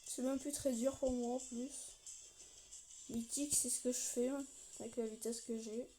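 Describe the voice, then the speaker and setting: A woman with a high voice commentates her gameplay casually, talking straight to her viewers. She comes across as a raging gamer, frustrated, grumbling and swearing at the game. Music plays clearly behind her. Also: fairly even intonation, moderate pace, warm tone. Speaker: gaming video creator.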